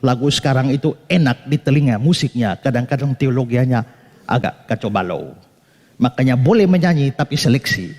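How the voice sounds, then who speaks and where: A male pastor preaching an animated sermon, breaking into short sung hymn phrases and answering his own questions. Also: mid-range voice, moderate pace. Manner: asks the listeners questions and answers them himself. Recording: long hall reverb.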